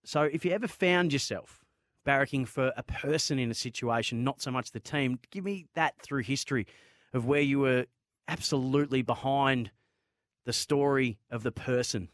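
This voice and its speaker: Aussie guy hosting sports radio, chatty, bit low pitched, dry studio mic. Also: normal speed, dry recording. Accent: Australian. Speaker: sports talk radio host. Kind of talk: conversational radio monologue and caller chat. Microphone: close studio microphone.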